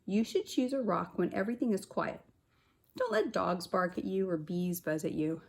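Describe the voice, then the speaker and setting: A woman who teaches kindergarten reads a picture book aloud at a moderate pace in a lowish voice, stressing words expressively and tossing chatty asides to the children.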